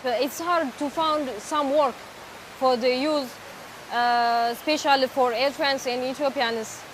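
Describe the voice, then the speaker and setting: A woman's voice: high-pitched, unhurried, low-quality recording. A woman interviewee speaking hesitantly with many fillers. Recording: steady loud hiss behind the voice.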